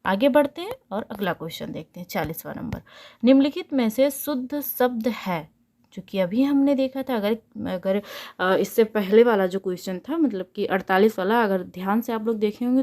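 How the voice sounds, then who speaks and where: A woman's voice: mid-range voice, dark tone. Woman, exam-prep tutor, explains step by step, repeats key answers, poses rhetorical questions. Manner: repeats answers, asks and answers her own questions. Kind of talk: explanatory online lesson.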